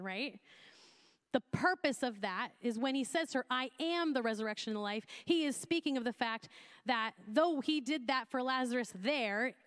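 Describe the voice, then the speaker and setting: A woman's voice: sits high, smooth. Woman pastor preaching a conversational sermon. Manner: conversational preaching, rising in intensity.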